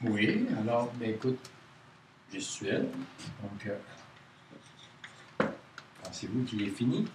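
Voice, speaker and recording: A man with a Quebec French accent leads an informal workshop, talking to a small group in a halting way full of hesitations and restarts. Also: on the low side, big pitch swings. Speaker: workshop leader. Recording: roomy, distant mic with faint noise.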